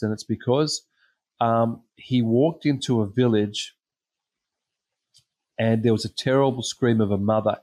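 Low-voiced man preaching, halting storyteller. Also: darkish tone. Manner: hesitant storytelling with frequent ums. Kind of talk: sermon with personal stories.

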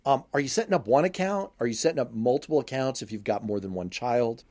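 Wry, animated man chatting casually. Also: mid-range voice, fast talker. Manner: wry, jokey, conversational. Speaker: podcast co-host asking questions. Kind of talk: casual chat.

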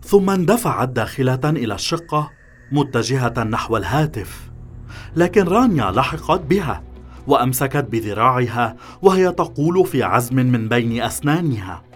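A man reading a scripted thriller story in a measured, even way. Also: medium pitch, soft background music. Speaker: narrator.

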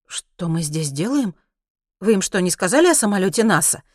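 A man's voice: high voice, sing-song, moderate pace, no echo, clean studio sound, voice pushed up. A man voicing a frightened, desperate young woman who pleads in rising panic. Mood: confused. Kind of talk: audiobook character reading.

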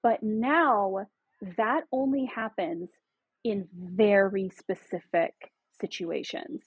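A woman's voice: medium pitch, takes it slowly, husky, no room sound, phone-quality sound. A woman guest on a podcast, explaining things in a reflective, conversational way. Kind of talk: casual conversation.

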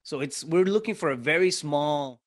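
In casual interview talk, a podcast guest who invests in real estate explains his business step by step, often using tag questions. He's a man and native Spanish speaker with a Mexican Spanish accent, speaking at normal speed in a fairly high pitch.

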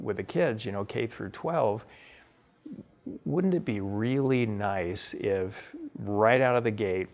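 An earnest middle-aged man speaks in a low, gravelly voice, answering an interviewer. He talks with enthusiasm and often restarts his sentences as he goes. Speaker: author and guest.

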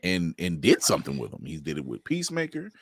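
Animated man on a dry mic. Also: low voice, fast, gravelly, dry recording. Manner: animated, laughs often, restarts sentences. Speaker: podcast co-host. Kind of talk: casual group chat.

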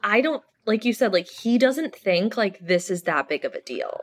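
A woman's voice: mid-range voice, very animated, moderate pace. A woman co-hosting a podcast, agreeing readily and adding emphatic asides about a TV episode. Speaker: podcast co-host. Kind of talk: casual chat recapping a TV episode.

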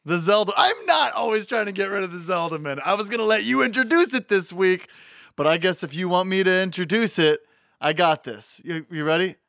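A man co-hosting a podcast, chatting casually with quick joking asides. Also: high-pitched, animated, creaky, fairly bright tone, no echo, studio quality. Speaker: podcast co-host.

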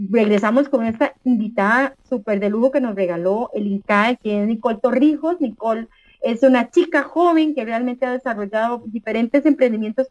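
A Costa Rican woman hosting a radio interview, full of effusive praise and pausing on the filler "este". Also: a little high, a little mellow, dry recording, muffled recording. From Costa Rica. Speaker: radio host.

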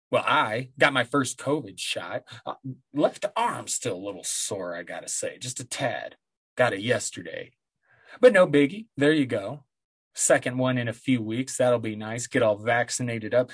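A middle-aged man with a husky smoker's rasp, chatting casually and rambling solo as a podcast host in a laid-back, sweary way. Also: mid-range voice, lively intonation, moderate pace, no room sound.

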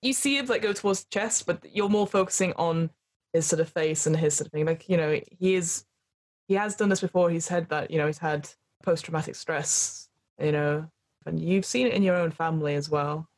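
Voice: mid-range voice, brisk. A game master running a tabletop role-playing game, giving casual instructions and narration to players.

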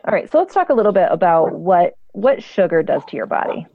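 A woman co-host with a low, very lively voice that swings up and down, joking her way through a podcast chat. Her voice comes through a tinny, phone-like line with a dry sound. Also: a little fast, no echo. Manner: playful, joking, lively back-and-forth.

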